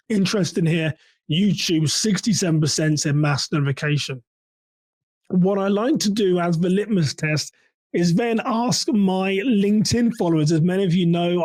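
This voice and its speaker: The recording is dry, carrying a man's slightly high voice with a darkish tone. Alone on his podcast, he draws on his church security work to explain things conversationally, questioning the listener along the way.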